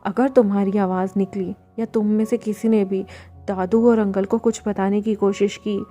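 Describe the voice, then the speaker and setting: A hot-tempered young husband, read by a woman who scolds and nags in exasperation. The voice is mellow and mid-pitched, told like a storybook. Faint music plays underneath. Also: steady tone, normal speed, natural voice. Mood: scolding. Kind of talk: storybook fan-fiction reading.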